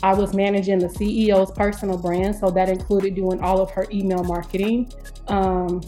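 Woman podcast guest with a medium-pitched voice. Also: flat delivery, normal speed, warm tone, faint music behind. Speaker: podcast guest, brand strategist. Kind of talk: casual interview conversation.

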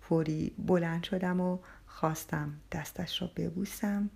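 A woman reading first-person audiobook narration in a soft voice, much of it whispered. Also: on the low side, steady tone, vocal fry, breathy edge.

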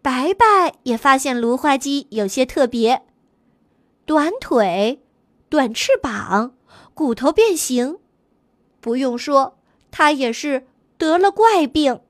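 A woman reading a children's story aloud in a slow, expressive way. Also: high voice, no room sound, clean studio sound.

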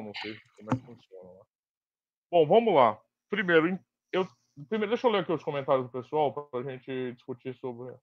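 A Brazilian man with a slight tongue-tied lisp, hosting an unscripted live talk and explaining his points emphatically in halting, repeated phrases. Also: mid-range voice, lo-fi sound. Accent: Brazilian Portuguese. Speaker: host of a live sports betting talk stream. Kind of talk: unscripted live commentary and discussion.

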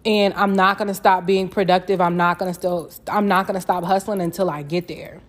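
A woman's voice: on the low side, fairly even intonation, fairly quick. A young woman chatting casually as a solo podcast host, candid and slangy, swearing freely and repeating phrases for emphasis. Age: young adult.

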